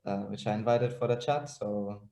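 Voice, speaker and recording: Presenting his startup over a video call, a young man from Denmark and Israel stumbles along with frequent fillers and restarts. He speaks at a normal speed in a lowish, mellow voice, and the audio carries reverb.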